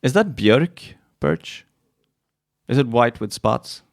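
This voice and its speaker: Swedish guy w/ swedish accent joking around, lively up-and-down voice. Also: medium pitch. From Sweden. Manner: playful, quick banter, short replies. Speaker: podcast co-host. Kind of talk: casual comedic chat.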